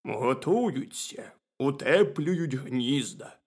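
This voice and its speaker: A man voicing a calm, sensible male bear cub in a storybook, speaking slowly and steadily. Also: medium pitch, husky, exaggerated voice. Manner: slow, steady, reassuring.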